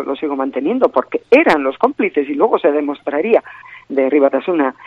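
A woman's voice: fairly low pitch, no echo. A woman speaking as a spokesperson for a victims' group, a guest on a radio interview by phone, earnest and emphatic, repeating key phrases. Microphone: telephone. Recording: tinny phone line.

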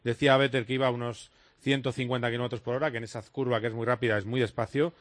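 A male radio sports host talks very fast in a dry studio sound. He steers the interview briskly, filling pauses with short hesitation sounds. His pitch sits in a middle range. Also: level tone, dry recording. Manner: brisk, leading questions, many "eh" fillers.

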